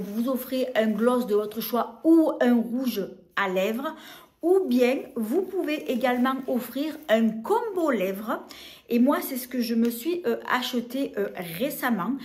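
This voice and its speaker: A woman's voice: on the high side, darkish tone. A woman talking casually through a beauty haul, hesitant with many filler sounds. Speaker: beauty vlogger. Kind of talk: casual product haul talk.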